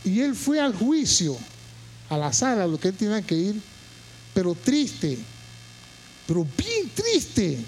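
A man preaching a sermon, moving from quiet storytelling to shouted, impassioned high points and repeating phrases for emphasis. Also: big pitch swings, takes it slowly, long pauses, a little hiss or hum. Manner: repeats words and phrases while telling a story.

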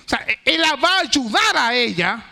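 A man preaching a sermon, emphatic, swinging between loud declarations and hushed low phrases, with repetitive stammering restarts. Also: big pitch swings, normal speed, creaky.

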